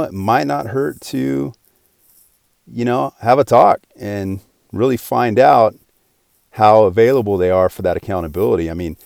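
In a dry, studio-quality recording, a man in his forties hosts his own podcast alone. His voice is low, gravelly and darkish, and his casual monologue is earnest and meandering, full of restarts.

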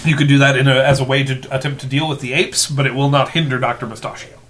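A man's voice: medium pitch, level tone, fast talker, a bit bright. A man speaking casually as game master, narrating and refereeing a tabletop role-playing game.

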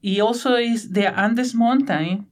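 This is a PhD student from Chile, a man in his thirties, whose pitch is extremely high. As an interview guest he answers in halting English marked by a Chilean Spanish accent, frequent fillers, and restarts.

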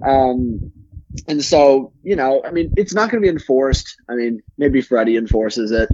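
A man's voice: mid-range voice, measured pace, darkish tone. A man co-hosting a casual sports podcast, rambling with many restarts as he gives his views. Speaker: podcast co-host. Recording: dull, lo-fi sound.

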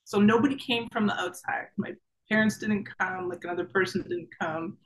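In a casual personal-storytelling interview, a woman in her thirties tells about her own experience as a guest, chatty and vivid, full of fillers and "like"s, acting out her past thoughts aloud. Her mid-range voice is a bit bright and moderately paced. The recording is low quality with a little hiss or hum.

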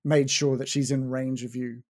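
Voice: mid-range voice, level tone, normal speed, darkish tone. A game master casually narrating a tabletop game scene, using many fillers.

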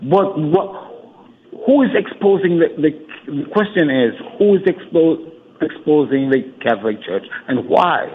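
A man calling in to a radio show, talking haltingly and stumbling over his words, his voice coming through an echoey, reverb-heavy line. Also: on the high side, lively intonation, a little hiss or hum. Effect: echoey phone line with heavy reverb, like an echo chamber. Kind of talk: phone-in call.

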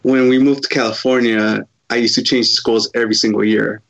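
Guest, male, thirties, from Chicago; hesitant, pausing speech; fry in the voice, muffled sound. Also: medium pitch, level tone, a bit bright. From Chicago, USA. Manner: halting, hesitant, many pauses. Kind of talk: casual interview answers. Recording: dull lo-fi sound.

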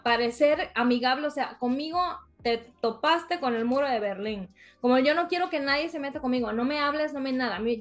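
Animated high-voiced Mexican woman telling a story. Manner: animated storytelling, acts out quotes. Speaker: podcast co-host. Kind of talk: casual chat.

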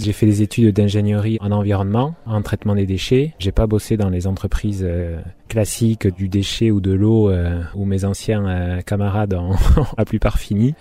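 A man in his thirties from Béarn, France, talks in a deep, warm, relaxed voice about his work as a market gardener, in an easygoing interview. His speech is informal, and he thinks aloud with frequent pauses and hesitations.

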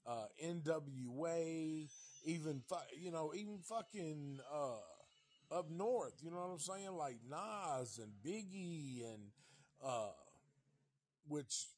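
Speaking slowly and expressively in a slightly high voice, this livestream host from Nashville, Tennessee, is in his fifties. He chats casually, wandering off topic and cursing with an easygoing air.

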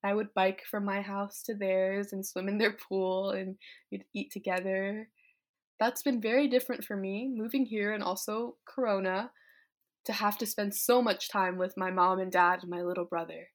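A teenage climate activist, fifteen and from Vietnam, reflects on her life at a normal speed with a steady tone in a mid-range voice. Her manner is casual, candid and thoughtful, with frequent "like" and "you know."

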